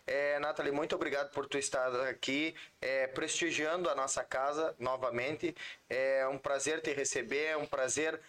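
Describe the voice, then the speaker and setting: A man's voice: mid-range voice, fairly even intonation, normal speed, fairly bright tone. A man chatting casually as a podcast co-host. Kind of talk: casual chat.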